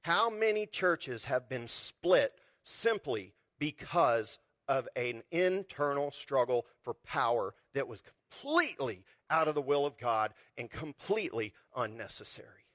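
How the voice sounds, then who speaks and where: A male pastor preaching a sermon in an animated, conversational way, often asking the congregation rhetorical questions. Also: mid-range voice, measured pace, few pauses, no echo, clean studio sound.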